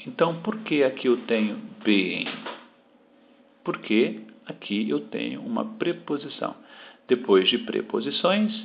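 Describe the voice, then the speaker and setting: Slow, gravelly Brazilian English teacher. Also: male voice, medium pitch, dull audio. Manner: slow, deliberate, repeating words to model pronunciation. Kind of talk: language lesson explaining pronunciation.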